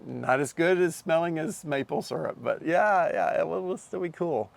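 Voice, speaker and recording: Camera shop owner, man, gravelly voice, slightly high pitch, dry close sound, rambling chat. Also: expressive, normal speed, no echo. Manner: rambling, repeats himself, restarts.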